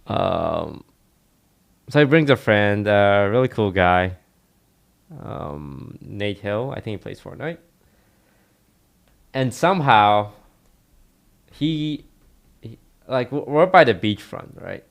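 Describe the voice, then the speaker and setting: Relaxed man with a gravelly voice. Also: on the low side, slow, long pauses. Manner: relaxed, rambling with many fillers. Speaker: podcast co-host. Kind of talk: casual storytelling.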